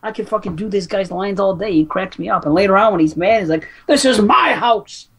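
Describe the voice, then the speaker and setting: A woman co-hosting a podcast, casually retelling horror film scenes with a relaxed, profane manner. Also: mid-range voice, fast, slightly rough. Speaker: podcast co-host. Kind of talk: casual film review chat.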